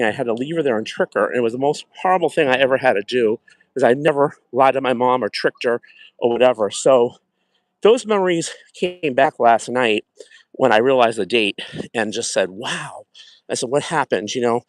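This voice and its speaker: A middle-aged man hosts a casual wellness livestream, walking a track outdoors at night while chatting reflectively and warmly greeting viewers by name. His voice is medium-pitched and fairly quick, and the recording is dry.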